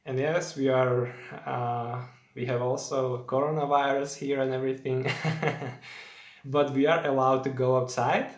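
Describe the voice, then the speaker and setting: During a live stream, a young man with a Slovak accent talks loosely, full of fillers, and keeps pausing to greet viewers. His ordinary mid-pitched voice stays level and a little slow, in a roomy, echoey space.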